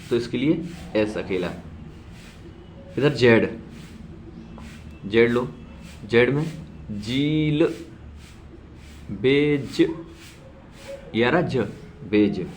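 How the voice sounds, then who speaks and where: A man teaching a shorthand class, slowly repeating example words loudly and reassuring his learners. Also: mid-range voice, slight background noise. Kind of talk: classroom lesson.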